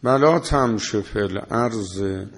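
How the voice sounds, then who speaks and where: A man preaching a sermon, scolding his listeners with rhetorical questions and quoting Arabic verses. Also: lowish voice. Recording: long hall reverb.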